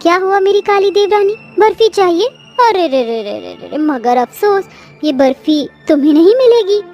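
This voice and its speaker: Brief: woman voicing a smug mocking young daughter-in-law, cartoon, high voice, faint music. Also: very animated, brisk, warm tone, muffled recording. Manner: teasing, smug.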